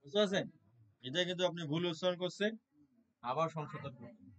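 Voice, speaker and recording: A man leads devotional prayers, chanting one word at a time in a loud, measured way. His voice sits high and has a bright, forceful edge. Between the chants he talks about scripture in a relaxed, conversational manner. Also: low-quality recording. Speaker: Gita devotee leading prayers. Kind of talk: chanted Sanskrit prayers and informal religious talk.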